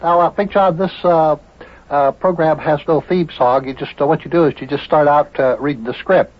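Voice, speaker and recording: A man's voice: on the high side, steady tone, normal speed, natural voice. A man voicing a jolly, folksy bandleader who hems and haws, on an old children's record. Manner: folksy, hesitant, drawling, chuckling. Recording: dull old record with band music.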